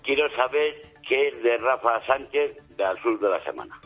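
A man in his forties from Spain with a Spanish accent, chatting casually as a radio caller in a husky smoker's voice that sounds like an old man's. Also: mid-range voice, animated, moderate pace, narrow, tinny audio, soft background music. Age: 40s. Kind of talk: casual chat.

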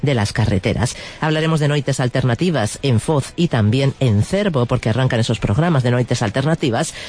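A man's voice: medium pitch, a little fast, a little mellow. A man with a Spanish accent from Spain presenting a radio magazine show in a chatty, live style.

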